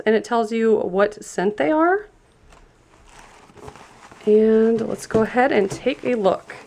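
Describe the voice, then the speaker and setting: A product reviewer unboxes a gift set, chatting enthusiastically though she sounds stuffy and congested from a cold. Her voice is on the high side and creaky.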